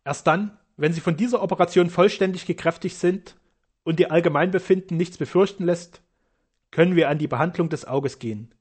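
A man's voice: on the high side, brisk, breathy edge, pitched above the performer's own voice. A man doing a proud, composed doctor. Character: proud German doctor, calm and dignified.

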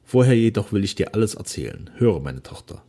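Speaking as a frail elderly nobleman and father, a man uses formal old-fashioned language, sounding solemn, weary and remorseful. The voice is fairly low and mellow, very animated and brisk.

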